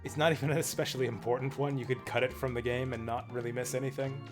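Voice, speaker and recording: A man's voice: mid-range voice, steady tone, fast. A man streaming a game, giving casual, rambling, enthusiastic fan commentary. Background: video game music and dialogue.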